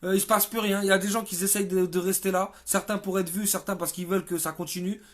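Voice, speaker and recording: Exasperated, halting man with a high voice. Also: flat delivery, fairly bright tone. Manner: halting, repeats words, exasperated. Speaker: protest activist. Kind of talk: livestream monologue.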